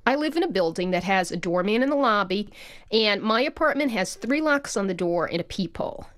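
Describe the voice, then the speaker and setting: Female storyteller for comic personal anecdotes, animated delivery, close dry sound. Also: medium pitch, brisk, dry recording.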